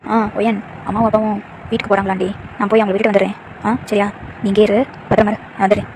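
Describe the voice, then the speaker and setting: A woman's voice: medium pitch, level tone, rapid-fire, background noise, lightly acted. A woman voicing a devoted, protective young husband who speaks earnestly. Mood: tender. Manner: earnest, firm in defense of his wife.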